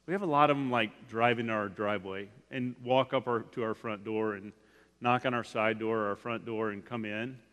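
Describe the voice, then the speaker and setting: This man in his forties, guest-speaking in a church sanctuary, delivers a loose, rambling sermon packed with "like" and restarts under long hall reverb. His voice is fairly low, a bit bright, steady in tone and brisk.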